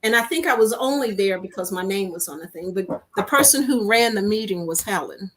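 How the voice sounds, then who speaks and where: A woman, an interview guest, telling a personal story in a lively way and often repeating "I said" as she recounts conversations. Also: mid-range voice, brisk, poor audio. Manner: animated, repeats "I said" as she retells dialogue.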